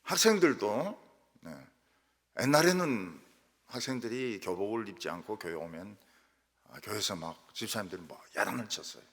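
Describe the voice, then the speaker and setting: Gravelly pastor in a church hall. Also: male voice, on the low side, normal speed. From Daegu, South Korea. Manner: lively storytelling with sudden loud jumps and quiet asides. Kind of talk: sermon. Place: church sanctuary.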